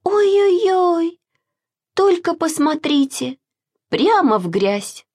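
A woman voicing an impulsive little boy in a storybook reading, eager and quick to take offence. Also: very high-pitched, sing-song, darkish tone, pitched above the performer's own voice, full character voice. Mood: indignant.

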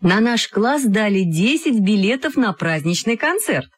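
A woman voicing a calm, fair-minded schoolteacher speaking to her class in a measured way. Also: mid-range voice, slightly rough, dry recording, voice pushed up.

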